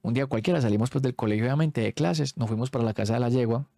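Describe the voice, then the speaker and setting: A Colombian man telling a story in a casual, animated way, full of street slang. His voice is dark and mellow, at an ordinary pitch, and recorded close and dry. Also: very fast, gravelly, dry recording.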